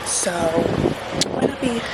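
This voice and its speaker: Chatty woman vlogging on a noisy street. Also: slow pace. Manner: chatty, upbeat, filler-heavy. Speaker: travel vlogger. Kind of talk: casual travel vlog. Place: outdoors on city streets. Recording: loud street and traffic noise. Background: traffic and street noise.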